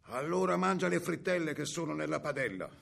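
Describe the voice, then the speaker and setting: Storybook ogress disguised as granny, sly and falsely sweet, gravelly husky voice, played by a male narrator. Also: on the high side, expressive, brisk, a bit bright, exaggerated voice. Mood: coaxing. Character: sly hairy ogress posing as a grandmother.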